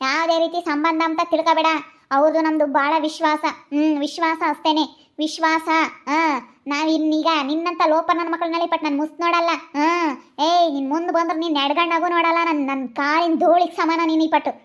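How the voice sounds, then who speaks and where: A woman playing a boastful village woman who scolds fast and emphatically, speaking with a village Kannada accent. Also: extremely high pitch, level tone. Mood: scolding. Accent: Kannada, Karnataka village dialect. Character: boastful village woman proud of her rich uncle. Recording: slightly dull lo-fi recording.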